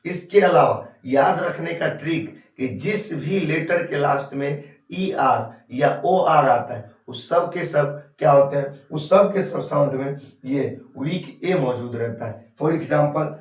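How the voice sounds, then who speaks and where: A man's voice: on the high side, slow. A male English grammar teacher giving a lesson, often asking a question and then answering it himself. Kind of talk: classroom lesson. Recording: echoey room from far off.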